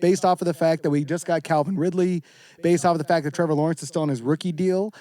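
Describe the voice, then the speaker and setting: Man, podcast guest, casual chat, animated, profane, fairly high voice. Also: quick pace. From former Navy serviceman. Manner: animated storyteller, profane, slips into mocking voices.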